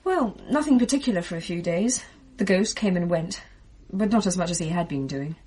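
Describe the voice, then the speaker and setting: A daughter telling the family's story. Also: female voice, on the low side, lively intonation, a little fast, darkish tone, breathy edge. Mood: calm. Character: young adult daughter narrating the family story. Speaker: narrator. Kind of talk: radio play narration.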